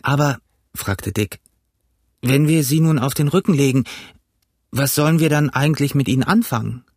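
A man's voice: medium pitch, moderate pace, a little mellow, dry recording, clean studio sound, close to an everyday voice. A man voicing an eager, naive young pirate sailor who asks questions, in an audiobook reading.

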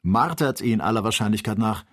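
A man voicing an eager, excitable young traveler who speaks in an urgent, raised voice. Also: lowish voice, a little fast. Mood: agitated.

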